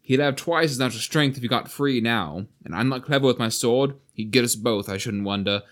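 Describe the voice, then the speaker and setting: A man voices a gloomy marsh creature from a storybook, cautious and grim. He delivers his warnings in a low, steady voice full of dry understatement. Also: normal speed, close to an everyday voice.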